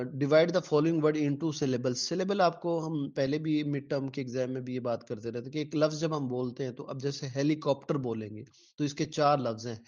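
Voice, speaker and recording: A man's voice: on the high side, lo-fi sound. A male teacher giving an exam-prep lecture, patiently repeating words syllable by syllable and answering his own questions.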